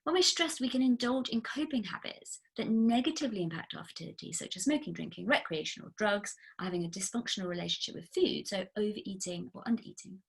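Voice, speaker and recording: A woman with a husky, slightly breathy voice talks her way through a relaxed masterclass. She coaches in a chatty, emphatic manner, full of "like"s and frank, blunt asides, and her pitch sits in the middle of the range. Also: fast talker, few pauses. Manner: chatty and emphatic, frequent "like" fillers. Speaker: fertility coach. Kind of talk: casual recorded masterclass talk.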